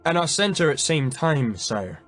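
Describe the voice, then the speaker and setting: A man doing a gruff old knight. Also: on the high side, big pitch swings, a little slow, fairly bright tone, faint music behind, pitched above the performer's own voice, full character voice. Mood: dry. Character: old gruff English knight, dry-humoured.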